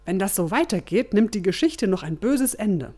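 A woman's voice: mid-range voice, expressive, normal speed, voice pushed up, lightly acted. A woman voicing a pious, troubled man who pleads and complains about his cramped home. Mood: pleading, complaining.

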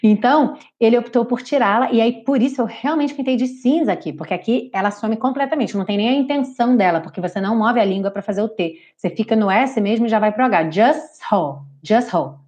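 A woman's voice: fairly high pitch, quick pace, few pauses, darkish tone. A woman with a Brazilian Portuguese accent teaching English pronunciation in a live online lesson, patiently repeating and modeling sounds.

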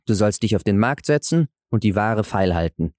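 A man voicing a stern beggar husband who is secretly a king, gruff and commanding. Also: lowish voice, lively intonation, moderate pace, a little mellow, dry recording, studio quality, natural voice.

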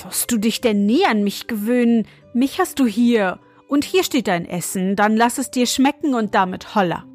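Young fairy-tale wife played by a woman narrator, higher and urgent, bossy. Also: normal speed, hardly any pauses, a little mellow, faint music behind, lightly acted. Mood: scolding. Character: kind, brisk young woman in the ogre's house.

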